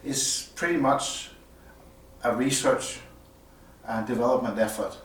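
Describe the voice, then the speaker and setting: A loudspeaker designer speaks at his product's premiere, explaining semi-technical details off the cuff and with some hesitation. His medium-pitched voice has a fairly bright tone. Recorded indoors at an audio show from a distance, the audio is roomy with faint noise in the background.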